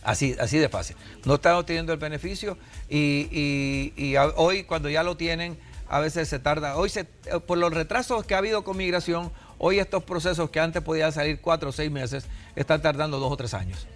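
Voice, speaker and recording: A man's voice: on the high side, a little fast, soft background music. A Puerto Rican man in his sixties, an immigration adviser on a TV interview, explaining patiently with examples. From Puerto Rico.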